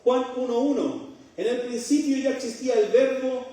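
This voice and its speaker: Speaking at a moderate pace in a very high, warm voice, a middle-aged Chilean preacher with a Chilean accent addresses his congregation in a church hall. He asks them rhetorical questions and makes joking asides, and a distant mic picks him up in a heavily echoing space.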